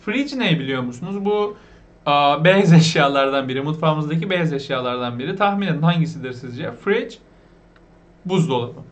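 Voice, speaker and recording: A man with a Turkish accent teaching beginners English vocabulary, asking questions and repeating each word slowly. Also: fairly high pitch, dull audio. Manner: asks the viewers questions, repeats the words slowly.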